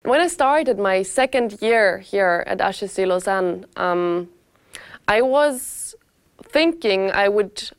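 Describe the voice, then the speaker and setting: A 25-year-old woman from Austria, giving an earnest student testimonial and pausing to rephrase. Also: medium pitch, animated, smooth, dry recording. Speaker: master's student.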